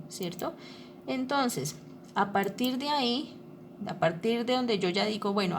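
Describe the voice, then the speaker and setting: A woman's voice: mid-range voice, slight background noise. A woman teacher explaining a lesson over slides, patient and repetitive, checking often that her listeners follow. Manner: patient, repeats ¿listo? and ¿cierto? to check understanding.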